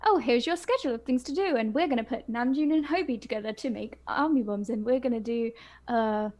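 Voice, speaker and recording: On a casual fan podcast, a co-host talks briskly in a slightly high, slightly mellow voice. She gushes with enthusiasm, with fillers scattered throughout.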